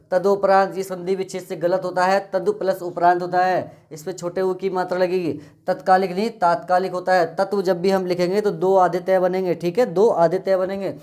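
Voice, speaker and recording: A male teacher giving an exam-prep spelling lesson, drilling words by repeating them in a steady, methodical way. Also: sits high.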